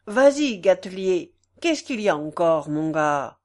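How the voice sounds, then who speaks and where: Brief: woman reading as a bossy, impatient little judge, loud and curt, slow and deliberate. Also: lowish voice, sing-song, voice pushed down. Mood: coaxing. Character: gruff impatient old male village judge.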